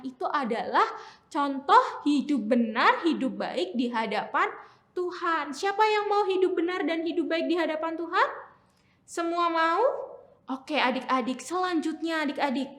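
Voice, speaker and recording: Young woman, high voice, kids church lesson, keeps asking the kids stuff. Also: fairly bright tone. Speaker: children's church teacher. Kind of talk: children's sermon.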